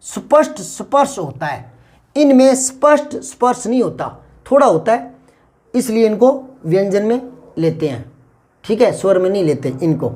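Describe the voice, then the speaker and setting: A man's voice: sits high, very animated, normal speed, a little mellow. A man teaching grammar in an exam-prep lesson. He explains patiently, repeats key terms and asks rhetorical questions.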